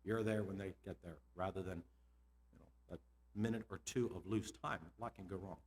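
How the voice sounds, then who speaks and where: A middle-aged man, a school administrator, giving a lively conference talk to teachers, asking them questions and laughing between points. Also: sits low, normal speed. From United States.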